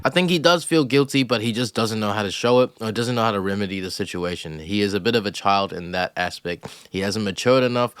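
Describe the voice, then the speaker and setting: A man's voice: lowish voice, fast, few pauses, clean tone, dry recording, faint music behind. A man casually commenting on a reality show, blunt, swearing and laughing. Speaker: reaction video host.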